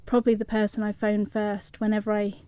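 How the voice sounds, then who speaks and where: A woman's voice: mid-range voice, monotone, brisk, dark tone, smooth, no room sound. Home counties woman, dry close studio sound. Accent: southern English, home counties. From Surrey, England. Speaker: studio guest. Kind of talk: conversational radio interview.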